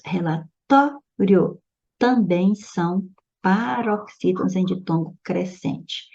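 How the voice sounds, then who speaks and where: Woman grammar teacher, gravelly and mellow, patient explainer checking in with students; slightly lo-fi recording. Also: mid-range voice. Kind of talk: recorded lesson solving exam questions.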